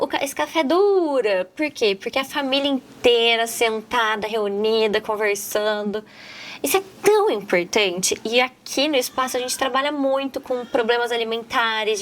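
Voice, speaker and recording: A woman from Minas Gerais with a Mineiro accent, hosting a casual conversation, chatty and quick to agree. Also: high voice. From Minas Gerais, Brazil. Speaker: podcast host.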